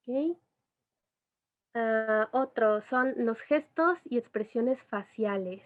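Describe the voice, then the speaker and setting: Woman explaining, tinny phone-like sound. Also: on the high side. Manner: patient, explains with asides and imitated baby sounds. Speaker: educational psychologist. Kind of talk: explanatory online talk.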